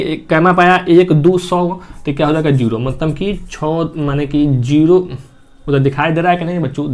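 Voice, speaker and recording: A man teaching a maths class, explaining step by step and asking and answering his own questions. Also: on the high side. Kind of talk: classroom lesson.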